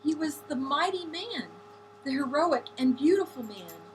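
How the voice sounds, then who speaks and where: A woman reading a novel aloud in a deliberate way, now and then correcting a slipped word. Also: high-pitched, sing-song, a little hiss or hum, low-quality recording. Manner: deliberate, with occasional slips and self-corrections. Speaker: audiobook reader.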